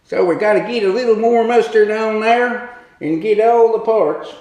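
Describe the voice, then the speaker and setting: A man's voice: high-pitched, normal speed, a little mellow, reverberant, low-quality recording. A man hosting a comic cooking demo in a home kitchen, talking in a rambling, folksy hillbilly way. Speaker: cooking show host.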